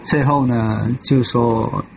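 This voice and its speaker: A man giving a personal testimony in a halting way, often restarting and repeating himself. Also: medium pitch, steady tone, creaky, muffled recording, a little hiss or hum. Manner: halting, with many restarts and repetitions. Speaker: devotee telling his life story.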